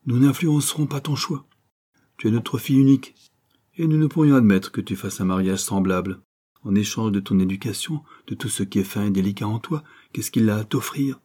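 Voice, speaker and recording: A man's voice: lowish voice, a little fast, warm tone, husky. A man reading an audiobook voices a proper bourgeois mother who lectures her daughter firmly. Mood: lecturing. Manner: firm, lecturing.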